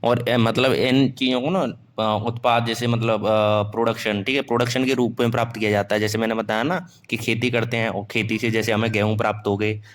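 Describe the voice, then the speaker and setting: A young man with a somewhat low voice giving a classroom-style lecture and dictating notes. His talk is informal and self-deprecating. He blends Hindi with English and keeps asking whether the class is following. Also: flat delivery, fairly quick, hardly any pauses. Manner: mixes Hindi and English, checks in with "theek hai" after nearly every phrase; informal and self-deprecating, corrects his own slips aloud. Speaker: online teacher.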